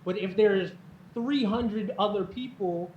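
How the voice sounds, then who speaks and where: Man, high voice, casual co-host chat, dull lo-fi sound, faint noise. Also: takes it slowly. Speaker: co-host, game streamer. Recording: muffled, roomy, faint background noise.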